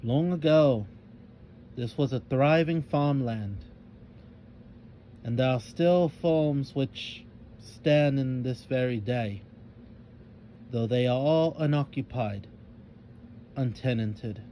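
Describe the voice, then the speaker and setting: A man's voice: mid-range voice, slow pace, long pauses, dark tone, slight background noise, lightly acted. A man voicing a mysterious, repentant ghostly old man who speaks in a solemn, old-fashioned way. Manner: solemn, archaic and brooding.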